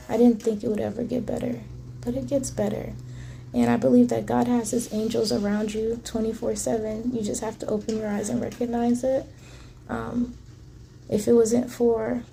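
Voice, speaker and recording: A woman vlogger with a fairly high yet very mellow voice speaks earnestly and confidingly to her viewers. Her tone is relaxed and smooth of edge, with little creak, and there is faint noise behind her casual talk.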